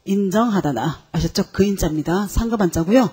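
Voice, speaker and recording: A woman's voice: medium pitch, fairly quick, slightly rough. A woman teaching an exam-prep lecture on Chinese characters, quizzing her students and checking in with them again and again. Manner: lively, quizzing students with constant check-ins.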